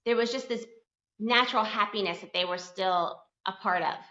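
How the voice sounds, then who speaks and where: A woman's voice: mid-range voice, normal speed, pushed and bright. A woman chiropractor, a guest on an interview, telling her story in an earnest, candid way. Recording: dull, echoey room sound.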